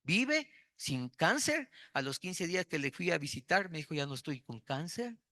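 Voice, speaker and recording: A man's voice: a little high, a little fast, a bit bright, dry recording. A man preaching a sermon, repeating key words for emphasis and telling personal stories.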